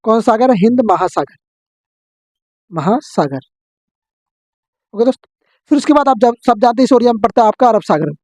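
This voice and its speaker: A man teaching an exam-prep geography lesson, drilling his students with quick questions and answers. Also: extremely high pitch, expressive, darkish tone, no room sound.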